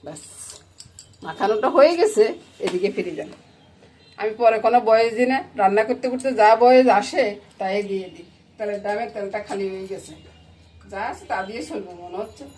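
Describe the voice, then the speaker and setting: Middle-aged woman, Noakhali Bengali accent, fairly high voice, chatty cooking vlog, loud frying and sizzling behind. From Bangladesh. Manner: chatty, keeps asking viewers "you get it?". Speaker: cooking vlogger. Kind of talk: casual cooking vlog chat. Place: home kitchen. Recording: loud kitchen frying noise.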